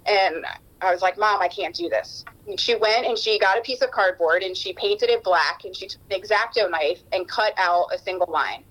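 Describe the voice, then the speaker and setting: A woman's voice: mid-range voice, moderate pace, fairly bright tone, rough recording. A woman in her thirties telling a personal story in an earnest way, with frequent ums.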